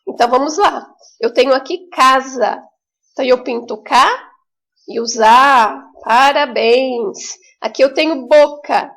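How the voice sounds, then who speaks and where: A woman teaching a remote lesson to young children with a Brazilian Portuguese accent, in a slow, sing-song, encouraging way with drawn-out words. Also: high voice, fairly bright tone. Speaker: primary school teacher.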